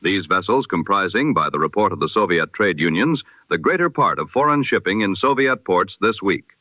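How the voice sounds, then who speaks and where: Styled after a 1920s radio announcer, a low-pitched man reads a scripted news bulletin at a moderate pace with lively intonation. His delivery is formal, solemn and rhetorical, and the echo-free audio passes through an old radio filter for a dull, lo-fi sound.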